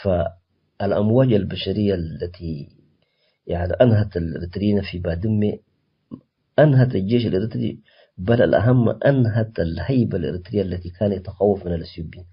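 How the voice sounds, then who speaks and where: A man with a low, husky voice argues his case as a guest on a radio program, building heat as he goes. He breaks off and restarts phrases often, filling gaps with hesitations. The audio is dull and lo-fi, like a muffled broadcast. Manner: impassioned, halting with many restarts and fillers. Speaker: political activist guest. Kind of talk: radio interview answer.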